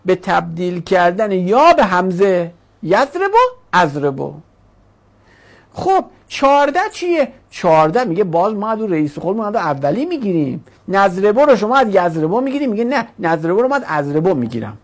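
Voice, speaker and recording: A woman's voice: medium pitch, very animated. A woman teaching a grammar lesson, putting questions to the class, answering them herself, and giving grammar forms their own voices. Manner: acts out grammar forms as talking characters.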